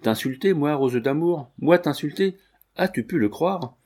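A man's voice: fairly high pitch, lively intonation, unhurried, a little mellow, breathy edge, pitched above the performer's own voice. A man reading a young male tailor who earnestly and tenderly pleads his love. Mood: pleading.

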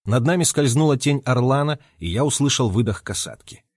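A man reading a first-person audiobook in a lively, expressive way. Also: mid-range voice, fairly quick, dry recording, studio quality. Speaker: audiobook narrator.

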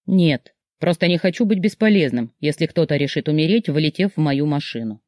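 A commanding, self-assured wealthy man, as a storyteller voices him, speaking lower and with calm authority. His tone is mellow and unhurried. The sound is close and dry, audiobook style. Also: dry recording, natural voice. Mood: stern.

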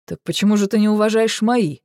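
A woman voicing a brooding, stubborn male dragon in an audiobook, speaking in a calm, dry, measured way. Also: medium pitch, no room sound, pitched above the performer's own voice, close to an everyday voice. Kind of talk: audiobook character reading.

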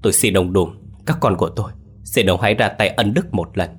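A man's voice: deep voice, lively intonation, a little fast. A man doing a desperate pleading parent. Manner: pleading urgently. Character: desperate parent begging for their children.

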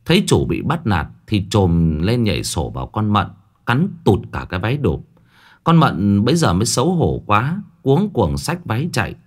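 A man narrating a ghost story with dramatic, expressive delivery. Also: on the low side, moderate pace.

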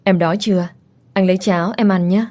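Casual: lady reading as a sweet caring young husband, low mellow voice, soft reassuring talk, little bit of music behind. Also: steady tone, quick pace, lightly acted. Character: devoted young husband, tender and doting.

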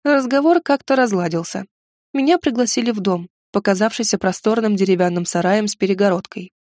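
A woman's voice: medium pitch, fairly quick, a little mellow, no echo, studio quality. Woman reading a wry fantasy audiobook. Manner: wry, ironic storytelling. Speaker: audiobook narrator.

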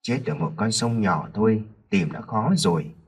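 Expressive husky man narrating a ghost story. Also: lowish voice, moderate pace.

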